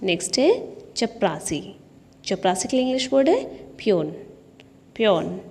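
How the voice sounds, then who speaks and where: A woman's voice: medium pitch, lively intonation, normal speed, darkish tone, breathy edge. A woman teaching English vocabulary and repeating each word in a drill. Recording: long hall reverb.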